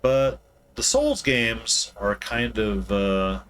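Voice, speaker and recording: Streamer, male, lowish voice, loose rambling commentary with self-corrections, faint room hiss behind. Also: very animated, extremely slow, a bit bright. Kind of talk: casual gameplay commentary.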